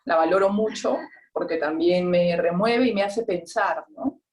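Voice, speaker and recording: A woman's voice: lowish voice, unhurried, a little mellow. A woman from Peru giving a reflective comment in a discussion, often adding a questioning tag. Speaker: discussion participant. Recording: voice distant from the mic.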